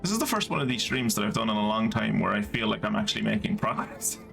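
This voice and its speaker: A man's voice: fairly low pitch, expressive, gravelly, music in the background. A man streaming a story game, chatting casually and reading the game's narration aloud. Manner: casual, thinks aloud, reads narration slowly.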